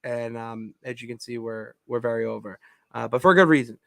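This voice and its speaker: A man co-hosting a podcast from his home basement, talking in an excitable, rambling way with many restarts. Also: mid-range voice, brisk, vocal fry, no room sound, clean studio sound. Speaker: podcast co-host. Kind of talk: casual chat.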